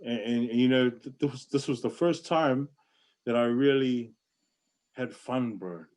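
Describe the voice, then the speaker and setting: A man's voice: mid-range voice, unhurried, a little mellow. A man in his late forties with a New Zealand accent, chatting candidly and earnestly as a podcast guest, often repeating phrases for emphasis and saying "bro". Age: late 40s. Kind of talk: casual, candid personal chat.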